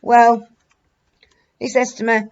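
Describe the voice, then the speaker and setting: A woman's voice: fairly high pitch, little pitch movement, slow pace, darkish tone, highs cut off. A woman, telling a rambling, blunt, sweary story to her viewers. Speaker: vlogger. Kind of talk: casual storytelling to camera.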